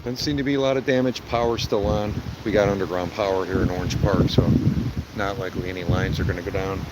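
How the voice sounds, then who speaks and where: A low-pitched man gives casual live storm commentary outdoors, sounding keen on the weather. Very loud wind buffets the microphone, with leaves rustling around him. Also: fairly even intonation, fast talker. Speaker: amateur storm watcher livestreaming. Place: outdoors in a yard at night during hurricane winds. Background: strong gusting wind, rustling trees.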